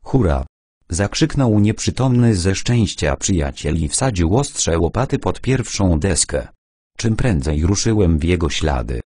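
A male audiobook narrator with a low, deep voice who tells the story in the first person at a measured pace. The sound is dry and close, with no room around it. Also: very animated, mellow, dry recording.

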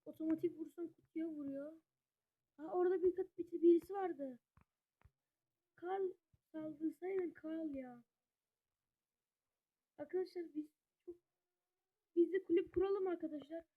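A gaming YouTuber giving casual gameplay commentary, chatty and excitable, constantly talking straight to the viewers as friends. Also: extremely high pitch, measured pace, long pauses, narrow, tinny audio. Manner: excitable, reacting out loud to the match.

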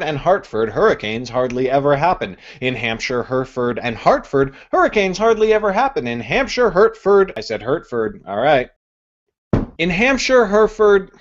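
A man's voice: a little high, dull audio. A young male vlogger doing a tongue-twister challenge to camera, theatrical and often interrupting himself. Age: young adult. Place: living room, indoors. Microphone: webcam at desk distance.

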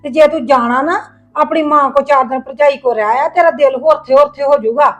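A woman's voice: high-pitched, a little fast, lo-fi sound, lightly acted. Woman playing a coaxing middle-aged mother-in-law. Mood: soothing. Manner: coaxing, reassuring, lecturing softly. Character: patient mother-in-law, soothing, gently advising. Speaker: actor in a family web drama. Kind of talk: acted family drama dialogue.

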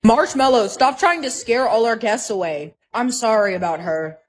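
A woman's voice: a little high, normal speed, lightly acted. A woman voicing Jack, a helpful, easygoing teenage boy with a casual, friendly manner.

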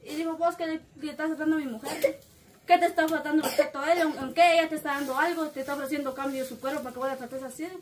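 Woman talking fast and high, rambling breathless story, noisy background. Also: steady tone. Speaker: woman telling of being beaten. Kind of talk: emotional first-person account.

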